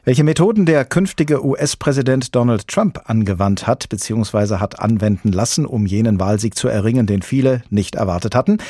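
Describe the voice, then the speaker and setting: A man presenting a radio culture program in a measured way. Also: medium pitch, dark tone, dry recording, studio quality. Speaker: radio host.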